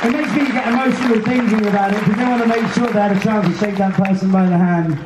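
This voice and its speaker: A man's voice: high voice, steady tone, quick pace, far from the mic, over a noisy crowd. A British man working as a cruise director, addressing a theater audience from the stage in an earnest, emphatic, emotive way through a PA. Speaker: cruise director hosting a veterans' event. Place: large indoor theater stage. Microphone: handheld mic, filmed from the audience. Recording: roomy theater PA heard from afar, faint noise.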